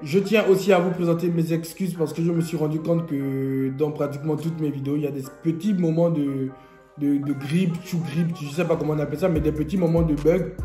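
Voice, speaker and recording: Young male vlogger, high voice, playful storyteller, echoey room, faint music underneath. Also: brisk. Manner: lively, joking storyteller who laughs often. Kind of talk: storytime vlog.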